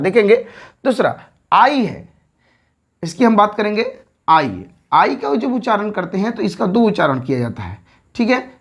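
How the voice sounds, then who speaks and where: Female teacher explaining at a board, patient and repetitive, medium voice. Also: medium pitch. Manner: repeats words slowly, checks with rhetorical questions. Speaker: English teacher. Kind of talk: whiteboard grammar lesson.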